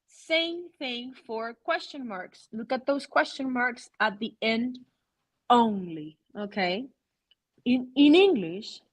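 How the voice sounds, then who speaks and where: Slow-paced woman teaching English online. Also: a little high, no echo, poor audio. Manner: switches between English and Spanish, checks in with "okay?".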